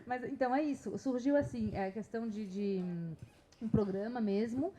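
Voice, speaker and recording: A literature scholar with a slight Bahian Brazilian Portuguese accent speaks chattily on a panel, often adding tag questions. Her voice is a little high, with a dark tone and normal speed.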